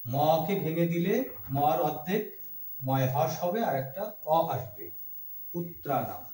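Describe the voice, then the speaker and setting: A man teaching Sanskrit verse pronunciation, slowly breaking words into letters and chanting the lines. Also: fairly high pitch, lively intonation, dark tone. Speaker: Gita recitation teacher. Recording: roomy echo, mic far off.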